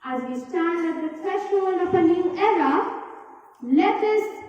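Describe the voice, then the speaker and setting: Woman from India, very high voice, emphatic patriotic school speech heard from far off in a booming hall. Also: animated, a little mellow. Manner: emphatic, rhetorical, with dramatic pauses. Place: large echoey school hall. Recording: echoey hall from far off, dull.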